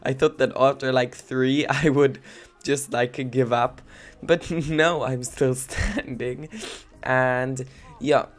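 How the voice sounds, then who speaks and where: A young man with a cold-stuffed nose gives rambling, giggly let's-play commentary, packed with fillers. His medium-pitched voice stays steady and slow.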